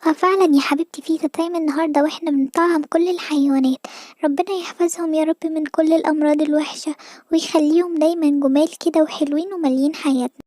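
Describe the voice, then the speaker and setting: A reassuring cartoon lady doctor played by a woman with an Egyptian accent. Her voice is high but mellow, and she talks quickly. The recording is dry and close. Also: steady tone, no echo, close to an everyday voice. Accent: Egyptian Arabic. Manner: gentle, encouraging. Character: kind female animal doctor, reassuring.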